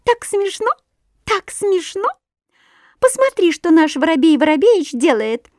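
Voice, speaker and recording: Lively little titmouse, very high and chirpy, squeaky, storybook bird. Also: female voice, measured pace, no echo, clean studio sound, heavily acted. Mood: giggly. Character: lively giggling female titmouse.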